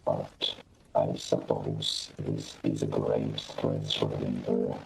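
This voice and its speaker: A small robot that has just woken up to itself, speaking through a deep, gravelly mechanical filter. The voice is extremely low and grinding, almost toneless, and moves slowly. Soft music sits faintly underneath. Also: male voice, heavily acted, rough recording. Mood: solemn. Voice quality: gravelly, flat, half-whispered. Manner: slow, solemn, introspective. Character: small newly sentient male robot, bewildered, lonely.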